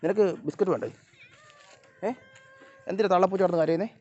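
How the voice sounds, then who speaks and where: A man filming a casual vlog outdoors around his house, talking softly to viewers and calling out loudly to his cats and dogs. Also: sits high, quick pace. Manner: calls and scolds animals in raised voice, chats softly to viewers. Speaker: vlogger. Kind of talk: casual vlog narration to camera while feeding pets. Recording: slightly dull lo-fi phone audio.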